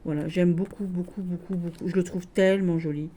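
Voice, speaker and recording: Lady vlogger going through her tarot decks, lowish warm voice, chatty and affectionate, keeps saying voilà. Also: fairly even intonation, brisk, slightly rough. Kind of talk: casual chat showing tarot decks.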